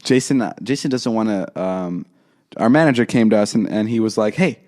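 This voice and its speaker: A young man co-hosting a podcast, trading quick, joking banter and laughing often. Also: on the low side, darkish tone. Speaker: podcast co-host.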